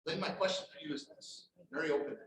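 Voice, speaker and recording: Man, meeting host, bright forceful voice, encouraging, slight background noise. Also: fairly high pitch, fairly even intonation, fast, rough recording. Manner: encouraging, casual, repeats words. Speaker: table topics master at a speaking club meeting. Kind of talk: club meeting hosting.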